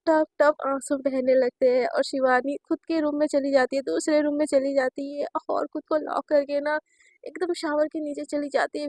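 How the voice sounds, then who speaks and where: A woman's voice: high-pitched, darkish tone, dry recording. A woman narrating a romance story in a chatty, casual way, mixing in English words and talking to listeners.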